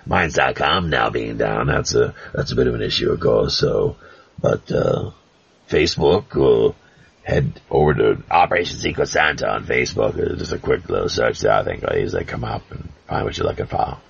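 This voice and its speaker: A man chatting casually as a regular guest on a podcast, relaxed and plainspoken. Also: a bass voice, moderate pace, creaky, husky. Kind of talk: casual chat. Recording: dull lo-fi sound.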